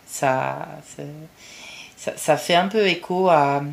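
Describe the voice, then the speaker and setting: A woman co-hosting a podcast, speaking earnestly and in a measured way, with halting restarts. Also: low voice, creaky, slight background noise. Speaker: podcast co-host. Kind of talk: casual podcast chat.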